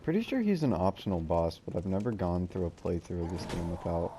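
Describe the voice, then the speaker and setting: A man's voice: low voice, expressive, a little fast, noisy background. A man giving casual let's play commentary as a gaming host, with slangy, jokey asides.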